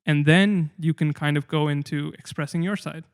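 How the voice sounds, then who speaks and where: A man's voice: on the high side, steady tone, normal speed, clean tone. A young man talking earnestly and reflectively in a casual discussion, with frequent fillers and restarts.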